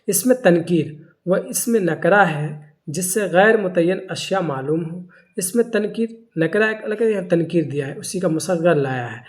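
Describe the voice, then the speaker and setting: Teacher, mid pitch, keeps asking "what is it?" then answers it. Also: lively intonation. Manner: keeps asking rhetorical questions and answering them himself; repeats key terms slowly for emphasis. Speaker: Urdu grammar teacher. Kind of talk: classroom-style grammar lecture.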